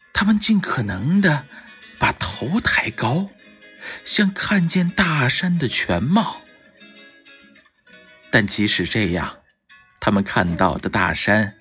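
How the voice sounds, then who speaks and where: Breathy storyteller reading a children's story. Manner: slow, gentle, lively pitch with voiced characters.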